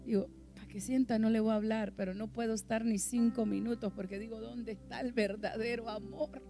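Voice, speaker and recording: A middle-aged woman preaching a sermon in a church, impassioned and emphatic, rising to loud peaks. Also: fairly high pitch, steady tone, brisk, soft background music.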